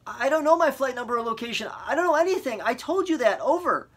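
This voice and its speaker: A man's voice: very high voice, lively intonation, fast talker, fairly bright tone, husky, pitched above the performer's own voice, exaggerated voice. A man voicing a terrified teenage boy. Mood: panicked. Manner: panicked, stammering, pleading, on the edge of crying. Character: terrified teenage boy alone in a small plane. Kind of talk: audiobook character voice.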